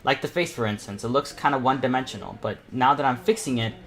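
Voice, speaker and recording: Rambling as he paints, this self-taught livestream host, a teen or young adult, thinks aloud in a casual stream. He talks fast in a medium-pitched voice that's gravelly and a bit bright.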